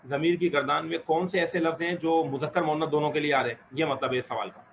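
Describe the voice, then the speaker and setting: A man's voice: fairly high pitch, fairly even intonation, fast talker. Patient male teacher, lo-fi recording. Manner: questioning, patient, encouraging students. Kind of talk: classroom Arabic grammar lesson. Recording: dull lo-fi recording with faint noise.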